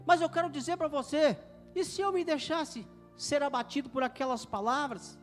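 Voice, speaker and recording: A middle-aged man preaching a sermon in a church hall, fervent and swelling to loud declarations. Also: extremely high pitch, moderate pace. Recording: echoey hall with music behind.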